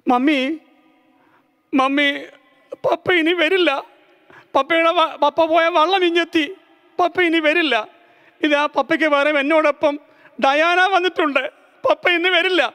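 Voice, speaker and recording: Guy doing a weepy little girl, voice way up high, long echo in a hall. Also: level tone, fast talker, a bit bright. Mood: grieving. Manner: tearful, pleading. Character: grieving poor ten-year-old fisherman's daughter. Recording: reverberant hall.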